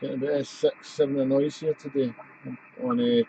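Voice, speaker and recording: There's background noise as this amateur radio operator, speaking flatly and fairly quickly at medium pitch, chats on a live stream. The casual ham talk includes repeated call-sign calling, and the streamed sound is dull and roomy.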